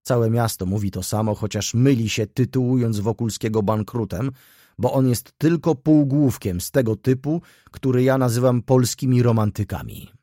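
A man's voice: mid-range voice, normal speed, warm tone, dry recording, studio quality, natural voice. A man voicing a stern, ironic middle-aged male doctor who talks in a brusque, scolding way, in an audiobook reading.

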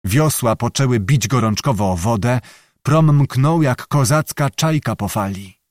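A man's voice: mid-range voice, a little slow, no room sound, studio quality. A man narrating a historical novel as an audiobook, reading expressively and dramatically.

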